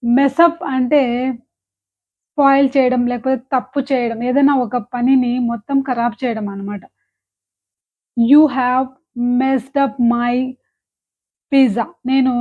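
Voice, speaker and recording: Brief: female English teacher, high voice, slow deliberate examples, tinny phone-like audio. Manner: slow, deliberate example sentences between quick explanations. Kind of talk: language lesson.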